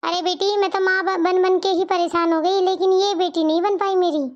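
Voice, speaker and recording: A stern middle-aged mother-in-law from a cartoon story, played by a woman, forever nagging her daughter-in-law. Her voice is very high and squeaky, but lower than the others in the cast. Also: flat delivery, moderate pace, lo-fi sound. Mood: complaining. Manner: nagging, accusing.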